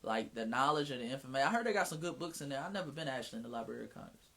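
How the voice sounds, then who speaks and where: A man with a Southern drawl carrying a Mississippi twang talks freely in a relaxed livestream chat, frank and loose with slang and profanity. His voice sits at an ordinary middle pitch, and he often restarts his sentences. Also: rapid-fire, creaky. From Atlanta, US. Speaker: author hosting his own livestream.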